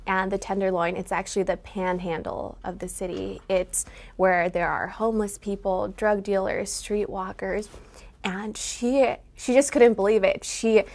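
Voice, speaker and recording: Earnest young woman telling her story. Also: mid-range voice. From San Francisco, United States. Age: 20s. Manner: earnest and reflective, grows emotional. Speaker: interviewee. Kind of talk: taped personal interview.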